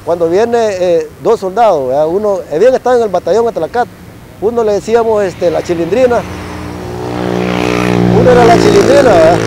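Salvadoran ex-soldier, middle-aged man, high voice, chatty storyteller with a constant "va" tag and gunshot sounds. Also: noisy background. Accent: Salvadoran Spanish. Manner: tags nearly every phrase with "va", mimics gunshots. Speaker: former soldier telling a war story. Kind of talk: casual spoken storytelling.

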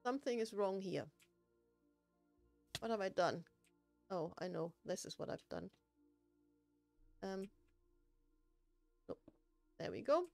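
A woman's voice: mid-range voice, animated, slow, vocal fry, long pauses, a little mellow, soft background music. A woman streaming a building game, chatting casually, laughing often and poking fun at herself. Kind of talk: casual gameplay chat.

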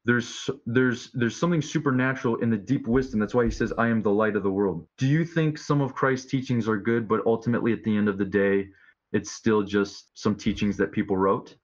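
Over dull, lo-fi video call audio from a room at home, a street preacher in his thirties joins a debate as a guest. His voice is lowish and brisk; he's casual but insistent, repeating key words and posing pointed questions.

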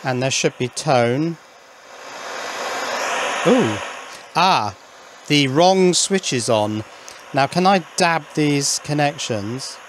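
Indoors at his workbench, an electronics hobbyist making a video gives casual commentary, musing, questioning himself and muttering asides. His fairly high voice is animated but slow, with long pauses, over a noisy background.

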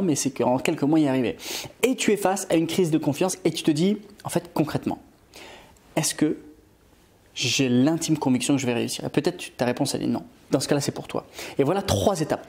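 A Scottish online English teacher speaks in a dark-toned voice of medium pitch. His video lesson is upbeat and motivational, and he alternates between English and French.

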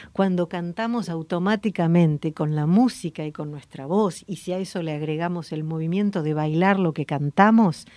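A woman with a Rioplatense Spanish accent, hosting a radio voice lesson in a calm, slow, guiding way. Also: deep voice, no room sound. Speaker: voice coach and radio host. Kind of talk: gentle voice-coaching lesson. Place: radio studio.

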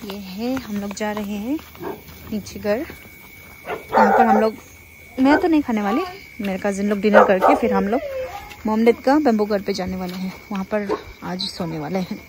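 A young woman from Arunachal Pradesh, India, chats to her phone camera, held at arm's length, for a casual vlog, laughing often and slipping in English words. She has a mid-range voice at normal speed with frequent pauses, and the audio is very noisy. She films outdoors in a village at night and inside a bamboo house.

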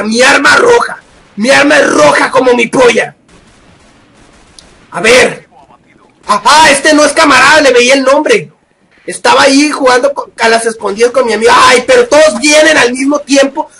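A young man with a Mexican accent, giving loud, profane commentary over his gameplay and shouting at the game. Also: very high voice, gravelly, slight background noise. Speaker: gaming video creator.

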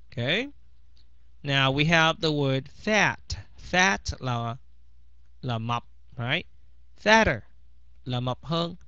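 A man's voice: a little high, sharp tone, no room sound. A man teaching English vocabulary in a bilingual lesson, repeating each word several times. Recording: slightly dull, dry recording.

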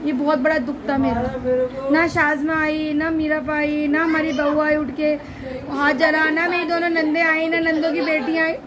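A woman's voice: high-pitched, flat delivery, moderate pace, background noise. A woman filming a casual home cooking vlog on a phone camera, complaining in a playfully dramatic way. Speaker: vlogger. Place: family home kitchen.

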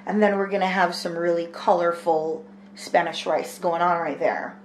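A chatty Jamaican woman in her 20s vlogs at home in a small kitchen and spare room, rambling through casual daily chat and thinking aloud with lots of fillers. Her voice is medium-pitched, with a little hiss or hum behind it.

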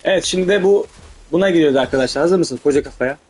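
A man doing casual gameplay commentary in street slang, swearing heavily and given to excitable, urgent outbursts. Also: a little high, racing, breathy edge. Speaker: gaming video host.

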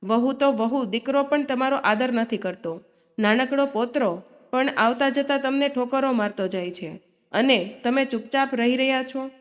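In a storybook tale, a woman narrator gives voice to a grown daughter defending her mother, firm and outspoken. She reads at normal speed in a natural voice pitched somewhat high, not far from her plain reading tone, sounding confrontational, firm, and scolding.

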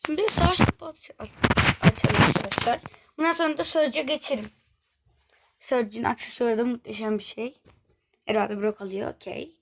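A woman's voice: on the high side, fairly quick, long pauses, background noise. A woman hosting a gaming channel, giving casual gameplay commentary and chatting straight to her viewers. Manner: chatty, keeps addressing viewers directly.

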